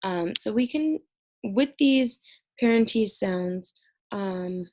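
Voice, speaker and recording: With a medium-pitched, darkish voice and lively intonation, a young woman speaks slowly as she records an exam review lecture at home. A college instructor, she explains each topic conversationally, sounding stressed and short on sleep.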